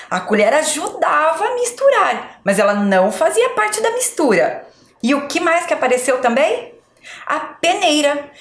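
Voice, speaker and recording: Brazilian woman teacher, lively and echoey. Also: on the high side. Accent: Brazilian Portuguese. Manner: slow, syllable-by-syllable spelling for young children. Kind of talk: primary school video lesson. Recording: echoey room.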